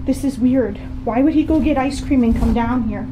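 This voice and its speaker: A woman's voice: a little high, moderate pace, noisy background. A middle-aged woman filming a spooky family vlog on a handheld camera, exclaiming in puzzled disbelief as she moves from a backyard garden into a dim basement. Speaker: family vlogger.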